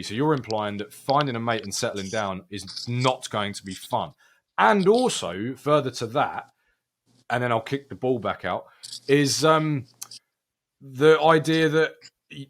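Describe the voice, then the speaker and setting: Earnest man in his twenties reasoning aloud. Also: mid-range voice. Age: 20s. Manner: earnest, reasoning things out at length. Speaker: co-host. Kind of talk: casual podcast chat.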